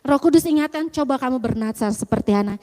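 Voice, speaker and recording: A woman giving a halting, earnest faith testimony, often quoting her own prayers. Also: sits high, darkish tone, in a large hall.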